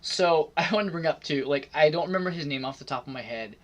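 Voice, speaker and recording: A man co-hosting a casual gaming podcast, talking loosely with lots of filler words and frequent throat clearing. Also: a little high, fast. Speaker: podcast co-host.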